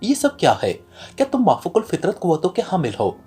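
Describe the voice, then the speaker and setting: A man's voice: high-pitched, huge pitch swings, brisk, warm tone, a little hiss or hum. A man voicing a scornful male secret service chief in an audio novel. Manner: scornful, astonished.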